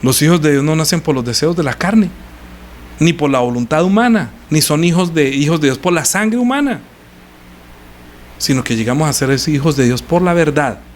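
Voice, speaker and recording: Middle-aged pastor, kinda high voice, chatty preaching, faint hum behind. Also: male voice, expressive, normal speed. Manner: conversational preaching, rhetorical questions to the congregation. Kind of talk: sermon. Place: church.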